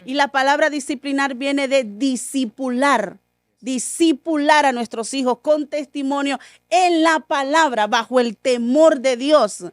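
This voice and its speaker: A woman with a high, bright-pitched voice tells a heartfelt faith story in a radio studio. She speaks earnestly and casually, slipping into the voices of her family as she quotes them. The sound is close and dry, with no room echo. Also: a little slow. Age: adult, mother of a school-age son. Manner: earnest, acts out quoted dialogue. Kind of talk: conversational faith testimony.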